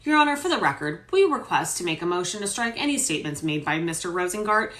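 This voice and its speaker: A woman's voice: on the low side, big pitch swings, fast, fairly bright tone. A woman voicing a female former counsel making a stiff, formal objection, as a dramatic reading of a court transcript. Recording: roomy echo.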